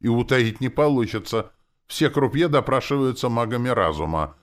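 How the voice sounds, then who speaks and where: A man voicing a gruff male orc who growls, grumbles and swears. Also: medium pitch, normal speed, pitched above the performer's own voice, natural voice. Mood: grumbling. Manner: growling, cursing.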